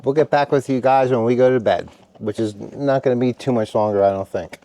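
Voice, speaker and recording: A tired, relaxed man chatting casually to his viewers from inside a heated tent at night, rambling and stopping to talk to his dog. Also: medium pitch, fairly quick. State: tired after a meal. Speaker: camping vlogger. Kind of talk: casual vlog chat.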